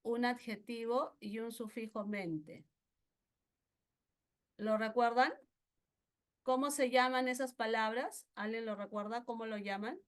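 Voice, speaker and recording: Speaking slowly in a steady, higher-pitched voice, a female language teacher takes students through grammar before university. Her style is repetitive, and she keeps asking questions to make sure they're following.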